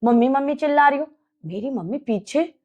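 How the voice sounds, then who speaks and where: Animated young woman telling a story. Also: high-pitched, fairly quick, muffled recording. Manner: animated, acts out scenes and quotes. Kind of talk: casual storytelling of a ghost experience.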